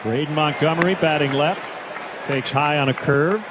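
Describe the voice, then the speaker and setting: A man announcing baseball on radio with a somewhat raised voice. His calls stay brisk and can rise into shouts on big plays. The broadcast audio has a noticeable layer of background noise. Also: on the high side, crowd noise. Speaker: play-by-play announcer.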